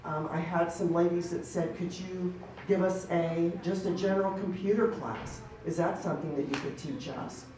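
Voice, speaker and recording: Low, mellow woman in an echoey room. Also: steady tone, moderate pace. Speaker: community program organizer. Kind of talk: casual talk to an audience. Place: meeting room with an audience. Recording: very echoey room from far off, faint noise.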